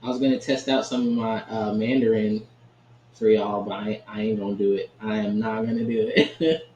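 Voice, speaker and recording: A gaming channel host gives casual, chatty commentary while playing a card game, laughing often and checking in with "right?". His voice is fairly low, a little mellow, and flat, at normal speed; the muffled recording comes from an echoey room with faint ambient noise.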